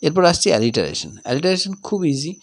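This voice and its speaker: A man teaching literature, explaining in mixed with English terms and reading quoted lines slowly. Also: a little high, sing-song. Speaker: tutor. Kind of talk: recorded English literature lesson.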